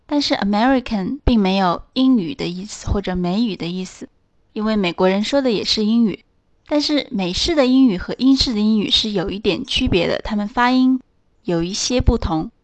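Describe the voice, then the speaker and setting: Dry, clear woman teaching beginners. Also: mid-range voice, no echo. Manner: slow, careful model sentences; spells words letter by letter. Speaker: English teacher. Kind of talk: beginner language lesson.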